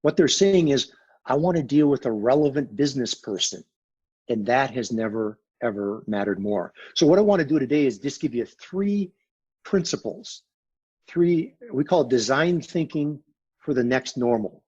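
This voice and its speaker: A man with a husky, raspy, mid-range voice and darkish tone speaks in a measured, emphatic, pragmatic manner with lively intonation. He is a guest consultant in a business interview, and the recording sounds dull and lo-fi.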